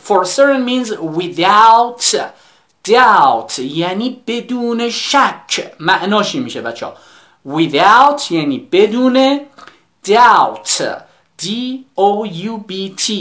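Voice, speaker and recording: Lively teacher running a live online lesson. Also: mid-range voice. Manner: explains quickly, then says English phrases slowly and spells them out. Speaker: English teacher.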